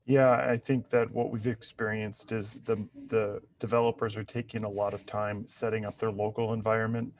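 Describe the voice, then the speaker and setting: A male podcast host talks casually with his guest. His voice sits somewhat low in pitch, and he speaks in a conversational interview style. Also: level tone, normal speed, few pauses, a little hiss or hum.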